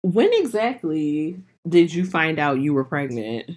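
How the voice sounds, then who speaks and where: Low-voiced woman hosting a podcast. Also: very animated, a little slow, darkish tone. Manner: steering, asks questions, laughs easily. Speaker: podcast host. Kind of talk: casual interview chat.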